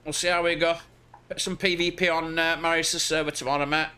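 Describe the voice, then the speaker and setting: An English man in a slightly high register talks his way through a truck driving game. He keeps up loose, crude, joking banter with his co-player as he plays. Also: little pitch movement, a little fast, sharp tone, clear, resonant tone. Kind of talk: casual gaming chat.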